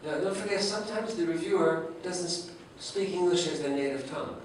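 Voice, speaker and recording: A man whose first language is French delivers a humorous academic lecture in a high, fairly quick voice, repeatedly asking his audience rhetorical questions. The recording has an echoey hall, a distant mic, faint ambience and a little hiss or hum.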